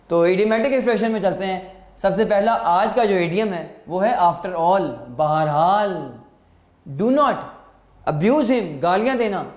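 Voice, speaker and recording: A man teaching English vocabulary, slowly dictating words and meanings and repeating them for students. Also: sits high, darkish tone, echoey room. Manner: slow, deliberate, repeats words for students to note down.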